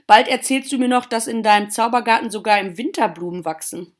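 A woman's voice: on the high side, fairly quick, natural voice. A woman voicing a grumpy old male gardener who grumbles and disapproves. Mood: mocking.

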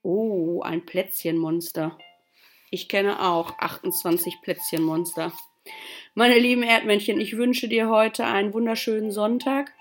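A woman teacher reading a children's story aloud to her class, slow and expressive. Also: mid-range voice, soft background music.

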